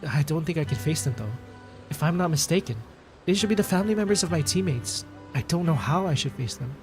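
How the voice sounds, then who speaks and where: A quiet guilt-ridden sniper. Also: female voice, low-pitched, lively intonation, quick pace, faint music behind. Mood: guilty. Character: haunted young woman sniper, reserved and guilt-ridden. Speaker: game character.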